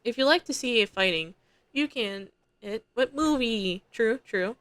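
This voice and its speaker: A woman's voice: a little high, animated, measured pace, fairly bright tone, dry recording. Streamer: young woman, reads game text aloud, slangy asides, dry close sound. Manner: chatty, slangy asides between narration. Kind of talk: reading a visual novel aloud with casual commentary.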